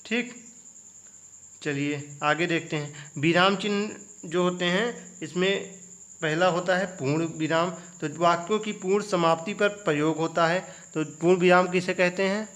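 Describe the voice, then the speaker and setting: A man's voice: sits high, measured pace, fairly bright tone. A young male teacher giving an exam revision lecture, putting questions to the students and then answering them himself. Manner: asks students rhetorical check questions.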